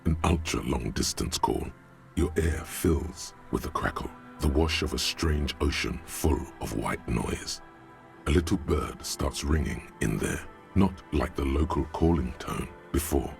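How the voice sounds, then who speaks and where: A man voicing a grave, brooding game narrator, delivering slow, dramatic, somber narration. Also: a bass voice, expressive, vocal fry, faint music behind, exaggerated voice.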